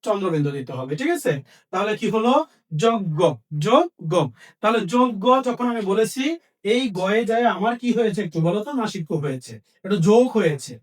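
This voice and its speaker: A man's voice: sits high, animated, fast, far from the mic. A man teaching a language lesson, asking questions and then answering them himself, repeating each key point. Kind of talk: Bengali grammar lesson.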